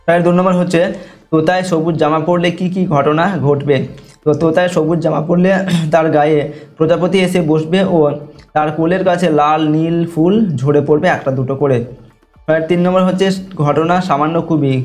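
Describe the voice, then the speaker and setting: A man's voice: on the high side, fairly even intonation, fairly quick, a little mellow, soft background music. A male teacher, working through exam questions and dictating the answers, often checking whether the class is following.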